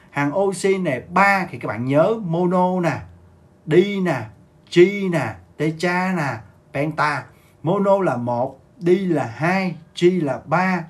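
A male teacher giving a livestreamed exam review lesson, repeating words, quizzing viewers and asking them to like and share. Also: a little high. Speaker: online math and chemistry teacher.

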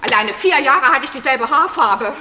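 This is a very noisy recording from a theater stage, where laughter from the audience echoes around the hall. A woman with a high-pitched, expressive voice speaks at a moderate pace. She is an actress in a stage comedy, playing an abandoned, self-pitying woman in a breathless, tearful gush.

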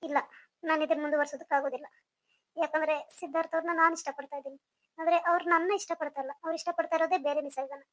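A woman's voice: high-pitched, fairly even intonation, rapid-fire, a bit bright, dry recording. A woman voicing an anxious young woman in an audio drama who talks earnestly to herself as she works up to a confession. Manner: earnest inner monologue.

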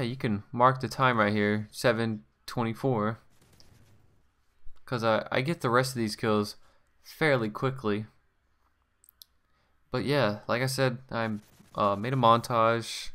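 A man's voice: lowish voice, a bit bright, smooth. A man giving casual, rambling gameplay commentary as a channel host, often correcting himself. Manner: rambling, offhand, self-correcting.

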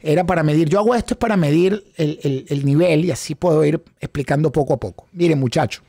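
High-voiced man teaching live, dry close mic. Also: fast talker, warm tone, no room sound. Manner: repeats phrases for emphasis; mixes English terms into Spanish. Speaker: instructor in options trading. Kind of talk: live online class, explaining and quizzing viewers. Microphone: close studio microphone on a desk setup.

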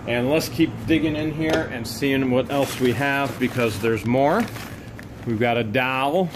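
A man narrating as he digs through boxes from a bought storage unit, casual and chatty, breaking into excited high exclamations over finds. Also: measured pace, noisy background. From United States. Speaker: storage unit reseller vlogger.

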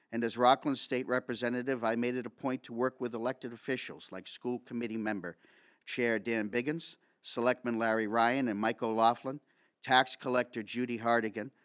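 Middle-aged man reading a formal statement. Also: medium pitch. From Massachusetts. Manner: reads from notes, measured and formal. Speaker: candidate. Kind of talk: prepared opening statement. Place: school meeting room, seated at a table. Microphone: table microphone.

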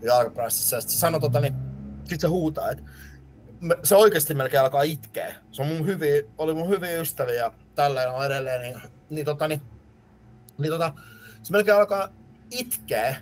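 Brash, swearing trainer. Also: male voice, a little high, expressive, a little hiss or hum. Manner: brash, swearing, rambling storyteller. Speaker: podcast host, personal trainer. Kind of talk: casual podcast chat.

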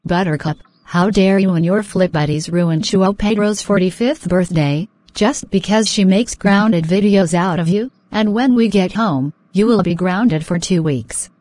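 A woman's voice: medium pitch, unhurried, hardly any pauses, a little mellow, no room sound, close to an everyday voice. A synthetic woman's voice playing a stern, scolding mother in an amateur cartoon, with stilted text-to-speech delivery. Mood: angry. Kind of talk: text-to-speech animated dialogue.

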